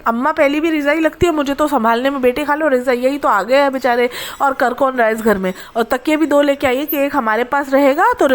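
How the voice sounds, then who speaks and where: A woman's voice: high voice, slight background noise. A woman vlogger giving gossipy reaction commentary in a sarcastic, teasing manner. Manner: sarcastic, teasing, mocks others.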